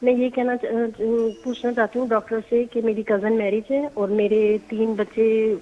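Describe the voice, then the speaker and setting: پاکستان سے ایک خاتون کالر، دھیمی آواز میں پریشانی سے اپنا مسئلہ دہراتی ہے۔. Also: female voice, on the high side, flat delivery. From Pakistan. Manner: soft-spoken, worried, repeats herself. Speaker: caller. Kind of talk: phone call to a show. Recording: dull phone line played in reverberant studio.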